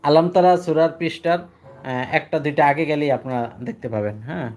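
A man's voice: fairly high pitch, brisk, darkish tone. A man teaching Quran reading step by step, asking questions and answering them himself in a patient, repetitive way. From Bangladesh. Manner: patient, repetitive explaining, asks and answers his own questions. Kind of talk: spoken recitation lesson.

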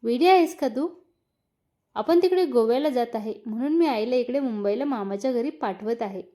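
A woman's voice: a little high, normal speed, mellow, natural voice. A woman voicing a teasing, eager young husband, playful and insistent, in a read-aloud story. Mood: scolding.

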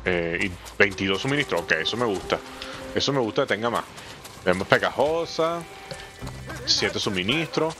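A man giving slangy, animated let's play commentary and talking back to the game's characters. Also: lowish voice, moderate pace, long pauses. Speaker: gameplay streamer. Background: game music.

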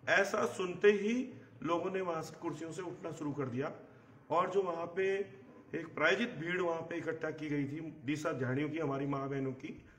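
A middle-aged man with a hoarse voice, giving emphatic live political commentary and clearing his throat. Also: a little high, moderate pace, fairly bright tone, echoey room, slight background noise. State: hoarse, recovering from a bad cough. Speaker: journalist and live show host. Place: outdoor terrace in the hills. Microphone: phone a short distance away.

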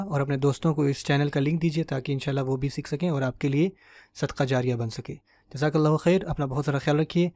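A man's voice: fairly high pitch, a little mellow, dry recording. Patient man teaching a grammar lecture. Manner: patient, explanatory, checks in with the listener often; spells out word endings slowly.

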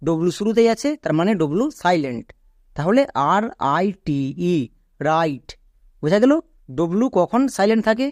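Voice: mid-range voice, a little mellow, dry recording, studio quality. A teacher giving an online pronunciation lesson. They patiently repeat each rule and spell words out one letter at a time.

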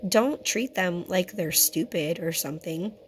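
A hoarse woman who keeps clearing her throat, giving an earnest, conversational scripture teaching to her viewers. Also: fairly low pitch, unhurried, slight background noise. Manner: earnest and conversational, addresses viewers as brothers and sisters. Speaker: teacher of a Torah fellowship. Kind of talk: home-made teaching video.

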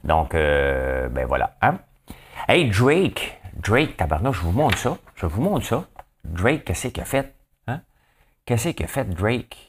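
Chatty low-voiced Québécois man. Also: sing-song, takes it slowly, breathy edge. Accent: Québécois French. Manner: rambling, talks to viewers, asks them questions, hums songs. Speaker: host of a daily news chat. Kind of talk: casual chatty news commentary.

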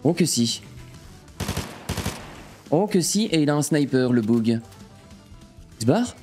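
A young man giving excitable gameplay commentary to his viewers, breaking into sudden frustrated outbursts. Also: fairly high pitch, slow, over music. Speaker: gaming streamer.

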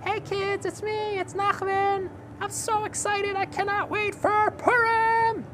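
A man voicing a silly, excitable young friend who keeps mixing up the holidays, in a giddy, high-spirited way. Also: takes it slowly, noisy background. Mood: excited.

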